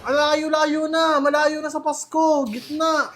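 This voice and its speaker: A man hosting a comedy skit, talking loudly with an exasperated, teasing manner. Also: extremely high pitch, flat delivery, a little slow, music in the background. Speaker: comedian host.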